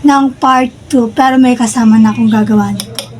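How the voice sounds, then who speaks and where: A woman with a clearly high-pitched voice and a Filipino accent talks casually to the camera as a vlogger. She addresses her viewers in an informal, chatty style. There is faint background noise in the recording. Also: fairly even intonation, brisk, a little mellow. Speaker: vlogger doing a food challenge. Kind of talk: casual vlog talk to viewers.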